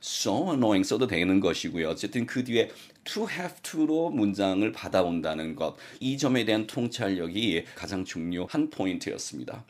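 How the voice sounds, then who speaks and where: A man with a Korean accent teaching English expressions in a lecture, explaining them and slowly drilling the example sentences. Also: lowish voice, animated. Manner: explanatory, asks rhetorical questions.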